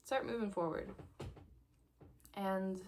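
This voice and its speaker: A woman giving a casual tarot reading to camera, gentle and reflective, laughing lightly and sometimes dropping to a soft near-whisper. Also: mid-range voice, takes it slowly, a little hiss or hum. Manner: laughs lightly between thoughts. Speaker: tarot reader.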